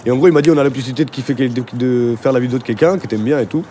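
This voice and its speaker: Racing through his story, the man speaks in a mellow, mid-range voice over slight background noise. He's a music video director from Argentina who moved to France when he was thirteen, and his interview manner is informal and slangy, full of conversational tags.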